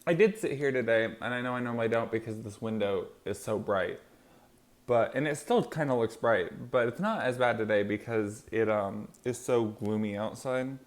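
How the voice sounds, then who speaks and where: Male eating-show host, average pitch, loose rambling chat delivered between and through bites, chewing while talking. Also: moderate pace. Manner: rambling, loosely strung thoughts. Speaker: mukbang host.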